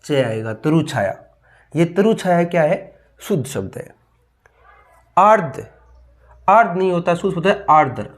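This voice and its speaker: A man with a somewhat high voice teaches a grammar class. He works through one word after another, asking the class what each word is and then giving the answer. His delivery is steady and methodical, in the manner of a classroom drill. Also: normal speed, long pauses. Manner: drills word spellings with repeated questions and answers. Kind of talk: Hindi grammar lesson.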